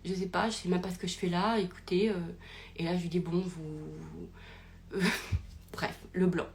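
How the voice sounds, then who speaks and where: A woman's voice: on the low side, normal speed, darkish tone, a little hiss or hum. A young woman telling a personal story in a casual, rambling way, with many fillers and restarts, recorded live on a phone. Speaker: podcast host.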